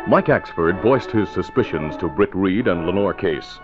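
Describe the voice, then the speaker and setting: A man's voice: low voice, animated, moderate pace, over loud music. A man reading scripted narration for an old-time radio drama. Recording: dull vintage radio recording.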